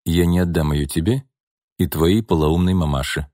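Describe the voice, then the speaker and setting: A man voicing a stern, angry father who speaks firmly and gruffly. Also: sits low, a little fast, a little mellow, no room sound, clean studio sound. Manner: firm, gruff, cold. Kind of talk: audiobook character voice.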